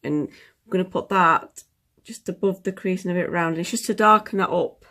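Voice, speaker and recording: Her voice is lowish and a bit bright, moving at a normal pace. She's a young woman doing a makeup tutorial with a cold, sniffling, joking at her own expense and slipping into whispers while she works.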